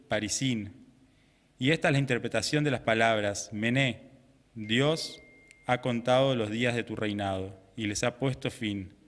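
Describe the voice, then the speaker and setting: A young man serving as lector, reading scripture at Mass in a measured, solemn way. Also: mid-range voice, fairly bright tone. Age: young adult. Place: small chapel, indoors. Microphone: microphone at a lectern. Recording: reverberant chapel sound.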